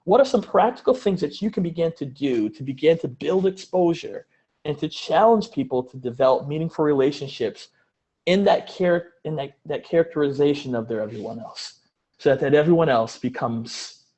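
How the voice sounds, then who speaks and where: A man's voice: on the high side, expressive, moderate pace, dark tone. A man presenting a webinar, speaking earnestly, posing questions to a panel and often restarting his phrases.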